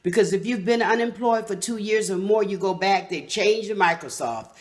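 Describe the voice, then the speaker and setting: A woman's voice: medium pitch, moderate pace. A woman who leads a nonprofit, speaking in an earnest, encouraging, slightly preachy way in a casual interview. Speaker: nonprofit leader, guest.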